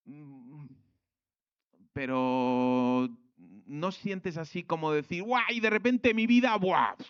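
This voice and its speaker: A young man from Spain preaching a sermon, colloquial and animated, acting out quoted voices. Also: a little high, clear, resonant tone, no room sound, highs cut off.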